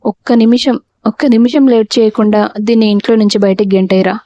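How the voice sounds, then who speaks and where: A woman's voice: fairly high pitch, fairly even intonation, brisk, mellow, dry recording, natural voice. A woman voicing a greedy, harsh middle-aged mother-in-law who scolds and insults, in an audio storybook. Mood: harsh scolding. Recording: dull, dry lo-fi recording.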